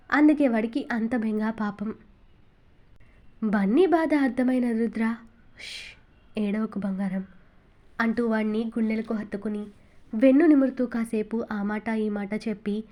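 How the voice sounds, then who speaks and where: Mellow-voiced woman narrating a novel. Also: a little high. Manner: emotive, expressive storytelling. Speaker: audiobook narrator.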